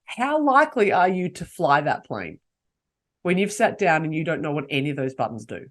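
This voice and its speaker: A woman's voice: low-pitched, sing-song, moderate pace. A woman hosting a solo podcast, coaching her listeners and asking them rhetorical questions. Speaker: podcast host.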